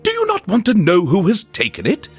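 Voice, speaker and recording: A man voicing a fussy, excitable middle-aged wife in a theatrical, gushing storybook reading. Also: sits high, fairly quick, soft background music, voice pushed up. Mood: gossipy, eager. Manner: theatrical, fluttery, exclamatory. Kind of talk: storybook reading in a game radio show.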